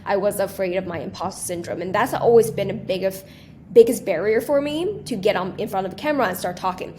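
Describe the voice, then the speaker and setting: A woman's voice: medium pitch, fast talker. Young woman from Taiwan, interview guest, eager chatty delivery, faint background noise. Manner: animated, with many restarts and fillers. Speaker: guest, small business creator. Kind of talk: casual interview chat.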